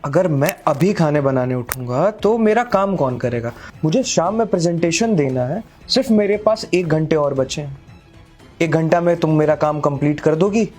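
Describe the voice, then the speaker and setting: A man's voice: on the high side, lively intonation, normal speed, darkish tone, faint music behind, lightly acted. A man playing a scornful rich young man. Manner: scornful, lecturing, raises voice in arguments. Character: arrogant wealthy young man, contemptuous and moralizing. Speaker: actor playing Sahil, a rich boyfriend. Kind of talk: Hindi short-film drama acting.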